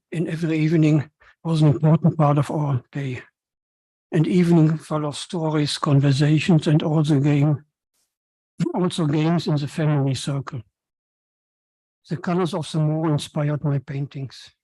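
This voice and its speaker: A man from Germany with a German accent, a native German speaker, giving a prepared welcome speech in a formal, halting, read-aloud manner. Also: a little high, mellow, no echo, low-quality recording. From Cologne, Germany. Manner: halting, formal, reading from text. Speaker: event speaker, foundation co-founder.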